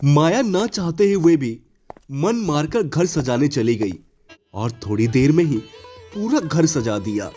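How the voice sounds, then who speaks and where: A man narrating an animated moral story in an expressive storytelling manner. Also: fairly high pitch, unhurried, soft background music.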